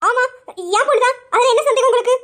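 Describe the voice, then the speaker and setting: A scheming, defiant mother in a drama, voiced by a woman, shrill and combative. Her voice sits very high and she fires off her lines quickly as she orders the visitors out. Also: steady tone, a bit bright.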